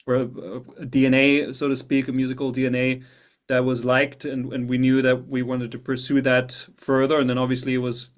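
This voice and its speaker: A man from Germany speaks in a steady, flat tone with little rise and fall. He is a composer talking about his craft in an interview and often repeats words while he gathers his thoughts. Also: mid-range voice, normal speed. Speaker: film composer. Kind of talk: interview answers.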